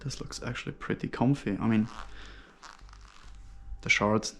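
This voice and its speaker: A man speaks casually through a face mask in a musing, hushed way, narrating his solo exploration for viewers. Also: fairly low pitch, a little slow, vocal fry, soft background music. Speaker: solo urban explorer vlogger. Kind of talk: casual exploration commentary to camera. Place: inside an abandoned hotel's rooms.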